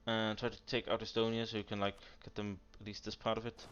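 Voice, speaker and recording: A man's voice: on the low side, completely flat delivery, fast talker, a bit bright, smooth. A man giving casual, blunt commentary on a player's strategy game nation, exasperated and full of fillers. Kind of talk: casual commentary over gameplay. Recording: dull lo-fi mic with keyboard typing behind.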